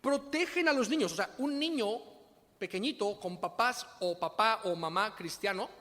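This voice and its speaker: A man's voice: high voice, normal speed, sharp tone, long reverb tail. A man with a Mexican Spanish accent preaching a sermon in a conversational way, often asking rhetorical questions.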